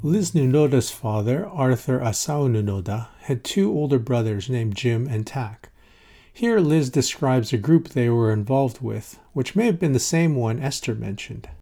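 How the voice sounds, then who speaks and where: A male host reads scripted documentary narration in a measured way, his voice low in tone and gravelly at the edges. He introduces each guest in turn. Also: expressive, mellow.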